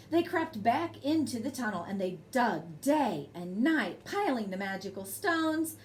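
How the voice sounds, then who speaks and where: A woman with a voice on the high side reads a children's bedtime story aloud with expression, adding brief asides to her young listeners. She hosts as a storybook reader, and there's slight background noise.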